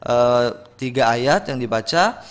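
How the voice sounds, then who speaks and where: A man giving patient, corrective feedback on Quran recitation on a radio program, slowly sounding out each word. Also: medium pitch, expressive, smooth.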